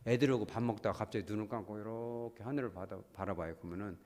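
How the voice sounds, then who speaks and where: A man preaching a Sunday sermon as pastor, speaking straight to his congregation and acting out quick bits of dialogue. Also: on the low side. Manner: animated, acts out little quoted dialogues; calls on the congregation directly. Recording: long church-hall reverb.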